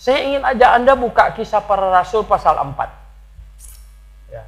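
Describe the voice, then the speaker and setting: Emphatic older preacher, high bright voice. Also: male voice, big pitch swings, moderate pace, poor audio. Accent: Indonesian. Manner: swings from loud emphatic peaks to low asides; rhetorical questions to the congregation. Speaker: pastor. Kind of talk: sermon.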